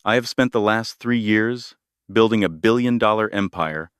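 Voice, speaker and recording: A cold, commanding businesswoman speaks with calm authority, read by a man in his own deep voice. Each word is measured and steady. The sound is dry and close, with no room around it. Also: smooth, no room sound, natural voice. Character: cold, commanding woman executive taking revenge.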